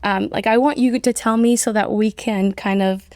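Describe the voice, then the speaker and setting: A woman's voice: medium pitch, steady tone, moderate pace, a little mellow, no echo, studio quality. A woman in her thirties, raised in Colombia, chatting as an interview guest, full of "like" fillers. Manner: chatty, many "like" fillers, laughs often. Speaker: nonprofit CEO, guest. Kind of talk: casual interview conversation.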